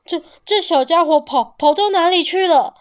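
一位女性在睡前故事中扮演一只外凶内柔的霸王龙爸爸，说话结结巴巴、嗓门更大。. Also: female voice, on the high side, measured pace, lightly acted. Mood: alarmed. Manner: stammering, louder blustering tone. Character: gruff but tender male tyrannosaurus father.

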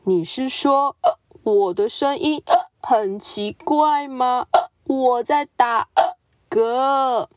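A woman's voice: high-pitched, dry recording, studio quality. A woman doing a stiff, hiccupping zebra. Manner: slow, broken by hiccup sounds. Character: serious proud male zebra with hiccups.

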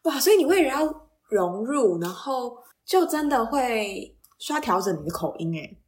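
Female podcast interviewer, Taiwanese Mandarin accent, husky tone, animated intonation, inquisitive. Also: a little high, moderate pace. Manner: curious, reacts and asks follow-up questions. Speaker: podcast host. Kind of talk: casual conversational interviewing.

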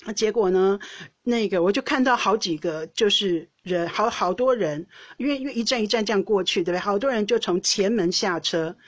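Speaking a little fast in a mid-range voice, a woman from Taiwan tells a personal story on her podcast in a Taiwanese Mandarin accent, captured as a dry recording. It's a casual storytelling monologue delivered in a chatty style, with her often restarting lines amid small laughs.

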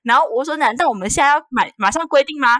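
A woman co-hosting a casual chat podcast, her pitch sitting a little high and swinging widely as she acts out arguments. She tells stories in an animated way and laughs often. The recording is dry and close. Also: very fast, dry recording. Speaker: podcast co-host.

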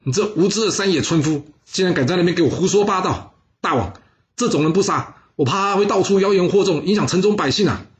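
Guy putting on a shrill sneaky minister, high-pitched and scolding. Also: animated, a little fast, vocal fry, few pauses, pushed and bright, heavily acted. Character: scheming male court minister, shrill villain.

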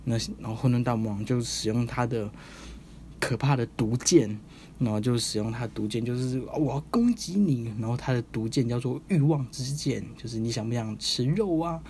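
A man's voice: medium pitch, steady tone, a little fast, a little mellow, a little hiss or hum. A man hosting a podcast, telling a story in a casual, rambling, chatty way. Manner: rambling, chatty, many fillers. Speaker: podcast host.

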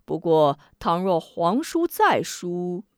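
A woman's voice: fairly low pitch, sing-song, slow, clean tone, dry recording, studio quality. A woman voicing an amused, commanding emperor. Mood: regal, amused. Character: shrewd, lively male emperor.

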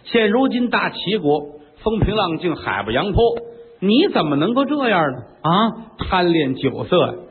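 A man's voice: high-pitched, sing-song, moderate pace, slightly rough, full character voice. A man voicing an ugly but clever, fierce queen who scolds imperiously. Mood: bitter. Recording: tinny lo-fi recording with long reverb.

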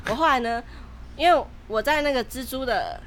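A woman in her twenties with a Taiwanese Mandarin accent, telling an animated story as a podcast co-host in casual chat. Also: high voice, normal speed, slight background noise. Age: 20s. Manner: animated storytelling, lively and dramatic.

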